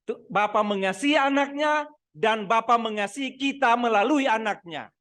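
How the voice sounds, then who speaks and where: A middle-aged man preaching a sermon over a video call, animated, acting out people's complaints and firing rhetorical questions at the congregation. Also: very high voice, moderate pace. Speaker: pastor.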